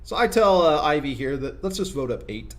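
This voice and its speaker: A young man giving casual, explanatory commentary over his own gameplay, often tagging his points with quick check-ins to the listener. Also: fairly high pitch, very animated. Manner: conversational, explanatory, frequent "right?" tag questions. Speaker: gaming video commentator.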